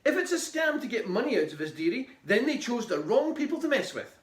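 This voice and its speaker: A man voicing a loud, theatrical mother in a storybook reading. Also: very high-pitched, very animated, a little fast, roomy sound, voice pushed up. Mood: firm. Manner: shouty, theatrical. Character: loud, bossy mum of a boy.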